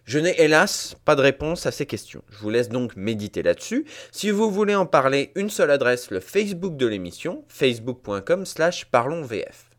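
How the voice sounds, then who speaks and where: A man's voice: medium pitch, big pitch swings, moderate pace. A man hosting a scripted commentary, talking emphatically and addressing listeners directly. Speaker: host.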